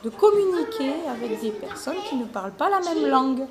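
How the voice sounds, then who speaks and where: Woman teacher with a high voice, explaining patiently to schoolchildren over busy classroom chatter. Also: sing-song. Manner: patient, simple explanations with pauses. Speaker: teacher running video calls with English pupils. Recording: noisy classroom with crowd chatter. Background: children chattering.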